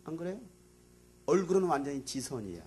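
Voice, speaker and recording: A middle-aged male pastor preaching to teenagers in a casual, animated way, swinging between loud emphasis and quiet asides. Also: on the high side, brisk, slightly rough. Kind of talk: youth sermon.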